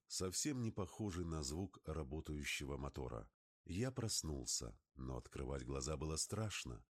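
A man giving an expressive first-person narration of an adventure story as an audiobook. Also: low voice, breathy edge.

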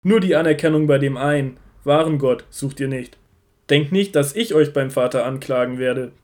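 An actor playing Jesus as a solemn, assured and authoritative teacher, preaching earnestly in an audio drama. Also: male voice, mid-range voice, normal speed, darkish tone, lightly acted. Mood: earnest, admonishing. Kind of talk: audio drama Bible dialogue.

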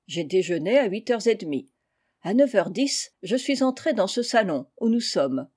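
A woman's voice: mid-range voice, darkish tone, close to an everyday voice. A woman voicing a cheerful, teasing young engaged woman in an audiobook, with a light, playful delivery.

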